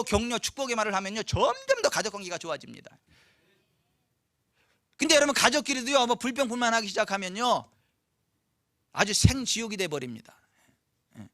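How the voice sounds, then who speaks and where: Pastor guy preaching, high voice, all over the place, acts out family fights, dry close sound. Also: sharp tone, no room sound. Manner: repeats lists of phrases with rising force. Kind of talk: sermon. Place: church sanctuary.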